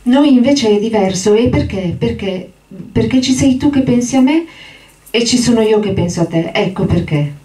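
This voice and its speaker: A big, simple-minded grown man, as a woman reads him aloud, pleading like a child in a high, lifted voice that rises and falls. He talks in short, insistent bursts. The reading echoes around a roomy hall, heard from a distance. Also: animated, normal speed, dark tone, lightly acted. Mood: eager pleading. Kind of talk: dramatic reading of a novel.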